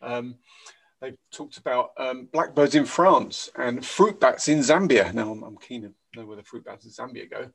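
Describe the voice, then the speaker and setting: Husky, gravelly man, halting co-host. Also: mid-range voice. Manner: hesitant, many ums and uhs, trailing off softly. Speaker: podcast co-host. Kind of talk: casual news chat.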